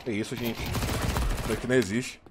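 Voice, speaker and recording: A man's voice: medium pitch, fairly even intonation, moderate pace, heavy background noise. A man with a Brazilian Portuguese accent, giving hyped, slang-filled live commentary as he plays a shooter and calls plays to his teammates. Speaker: gaming streamer.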